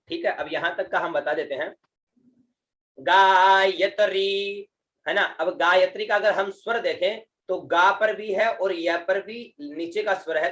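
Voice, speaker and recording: A man's voice: high voice, fairly bright tone. A man teaching Vedic recitation in an online class, speaking patiently, checking in with the students again and again, and drawing out chanted syllables. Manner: slow, patient, repeats words and drawn-out chanted syllables; frequent checking fillers.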